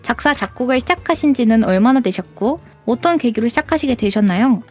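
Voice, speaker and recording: A woman with a fairly high voice hosts an interview show over background music. Her presenting is scripted, polite and upbeat, in the manner of a streamer. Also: expressive, brisk, darkish tone. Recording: music playing behind.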